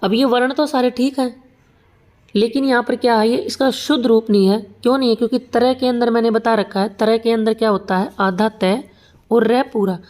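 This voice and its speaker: A woman's voice: a little high, steady tone, fairly quick, a little mellow. Patient woman teaching Hindi grammar. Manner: patient, explains step by step with repeated checks. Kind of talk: exam-prep lesson at a whiteboard.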